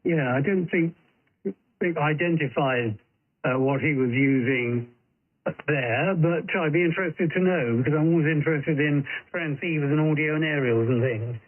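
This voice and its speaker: A man, an amateur radio operator, talks politely on an on-air contact, pausing often, heard over a narrow shortwave radio signal. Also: fairly high pitch. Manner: polite, chatty, many pauses and fillers. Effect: narrow shortwave radio sound.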